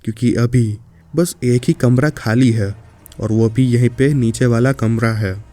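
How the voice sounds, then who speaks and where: A man's voice: medium pitch, steady tone, a little slow, dark tone, close to an everyday voice. A man voicing a creepy old hotel landlady. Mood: eerie. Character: creepy old woman hotel keeper, grinning.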